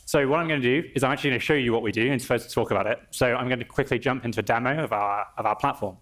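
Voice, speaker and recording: A man presenting a live software demo on a conference stage, explaining in a conversational way with frequent restarts. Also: mid-range voice, racing. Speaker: engineer presenting a product demo.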